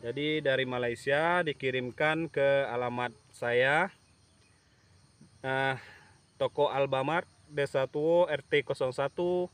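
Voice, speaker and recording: A man talking casually to camera in a vlog outdoors at a plantation, slow and halting with many fillers. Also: medium pitch, steady tone, a bit bright, clean tone. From Indonesia. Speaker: YouTube channel owner. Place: outdoors at an oil palm plantation. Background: insects and rural outdoor ambience.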